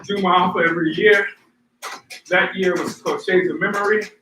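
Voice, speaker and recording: A man's voice: high voice, steady tone, moderate pace, bright, forceful tone. A man chatting casually and motivationally to viewers while running and power walking during a workout. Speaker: host of a running workout vlog. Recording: roomy, distant mic, faint noise.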